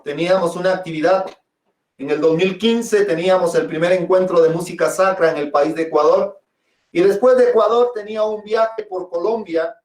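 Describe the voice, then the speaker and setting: A man's voice: high-pitched, a little mellow. A pastor preaching a sermon, telling a personal testimony with dramatic storytelling and calling his listeners brothers and sisters. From Guatemala. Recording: echoey, from a distance.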